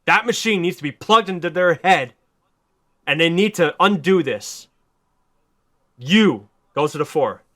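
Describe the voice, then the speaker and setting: A man's voice: a little high, animated, a little slow, pauses often, sharp tone. A man doing an earnest resolute Superman.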